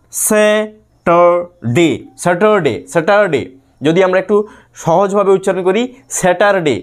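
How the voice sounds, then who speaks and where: A man teaching a grammar lesson, patiently repeating example words slowly, syllable by syllable. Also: sits high. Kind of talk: lesson for students.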